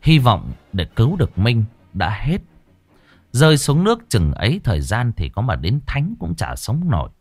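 A man narrating a ghost story in a dramatic, animated way. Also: mid-range voice, moderate pace, dry recording.

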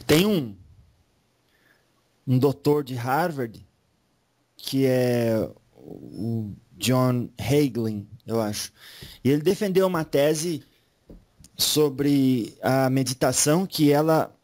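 A man's voice: medium pitch, takes it slowly, pauses often, a little mellow. A man taking part in a spiritist session, answering a spirit with short agreeing replies and thoughtful remarks. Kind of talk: conversation with a spirit.

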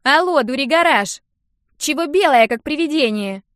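Woman doing a loud, mocking young woman. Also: high voice, expressive, normal speed, no echo, studio quality, pitched above the performer's own voice. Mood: indignant. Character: brash loud young woman friend, sharp-tongued.

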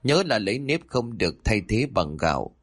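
A male storyteller narrating a ghost story with an animated read. His voice is low but swings widely in pitch. The recording is close and dry, with no room sound. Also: normal speed, slightly rough, no echo.

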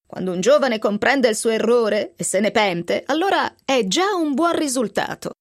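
A woman's voice: on the high side, animated, moderate pace, voice pushed up. A woman voicing an affable, self-satisfied older male judge in a radio novel reading. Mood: genial. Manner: genial, self-assured.

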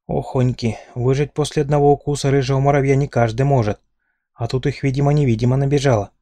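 A man's voice: mid-range voice, level tone, fast talker, mellow, no room sound, natural voice. A man voicing a kindly old peasant woman. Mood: soothing.

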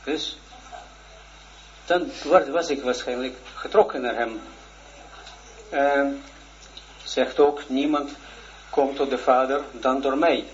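A man in his forties, a religious teacher, giving a shy, earnest personal testimony in a lesson, halting and full of restarts. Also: medium pitch. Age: 40s. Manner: halting, hesitant, with many restarts. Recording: dull lo-fi recording with faint noise.

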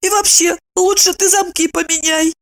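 A woman reading an audiobook, voicing a squeaky, fretful woman who frets and scolds. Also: fairly even intonation, moderate pace. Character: fussy anxious woman, squeaky, superstitious.

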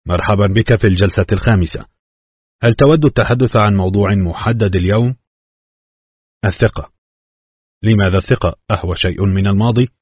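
Probing male therapist, read by a man, measured questions, low husky voice, dull sound. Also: dry recording.

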